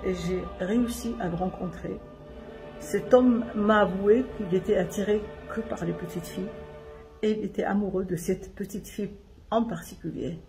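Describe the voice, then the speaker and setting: An older woman giving personal testimony as an association founder, in deliberate phrases with pauses. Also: medium pitch, music in the background, rough recording.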